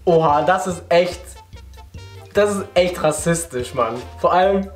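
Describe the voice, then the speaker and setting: A man's voice: on the high side, unhurried, soft background music. Chatty young man with a light voice. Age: young adult. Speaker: YouTuber reacting to videos. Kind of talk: casual reaction commentary. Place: indoor living room.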